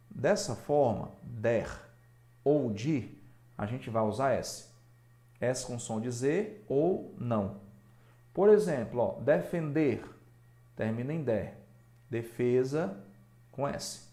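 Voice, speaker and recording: A man's voice: mid-range voice, warm tone. A male teacher with a Brazilian Portuguese accent explains spelling rules and keeps checking in with the viewer. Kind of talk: recorded spelling lesson. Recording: echoey room.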